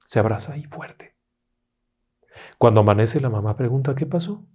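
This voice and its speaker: A man narrating ghost stories dramatically, dropping to a hush in tense moments. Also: lowish voice, moderate pace. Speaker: storyteller host.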